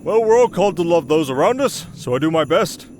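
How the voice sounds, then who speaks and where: A man voicing a kindly old Santa in an audio roleplay, patient and fatherly, speaking in an avuncular, unhurried, gently preaching way. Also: fairly high pitch, very animated, slight background noise. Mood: amused, fatherly.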